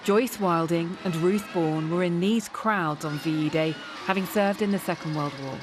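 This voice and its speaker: A woman reporting as a royal correspondent, reading a scripted news report in a composed, measured way. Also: lowish voice, background noise.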